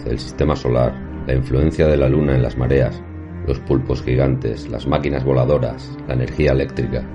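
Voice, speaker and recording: With music in the background, a bass-voiced man portrays a learned professor in a horror audio drama. He describes paranormal encounters in formal, measured, literary language.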